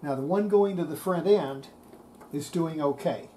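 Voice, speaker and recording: In a noisy workshop room, an older woman restoring radios mutters to herself at a cluttered electronics bench. Her voice is low-pitched and dark-toned, and she takes her time, offering casual hands-on remarks.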